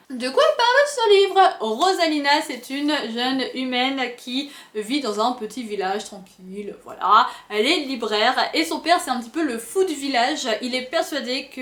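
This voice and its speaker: A woman's voice: high-pitched, fairly bright tone, echoey room. A young woman giving casual, rambling book recommendations for her channel, with a chatty, self-mocking manner. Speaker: book vlogger.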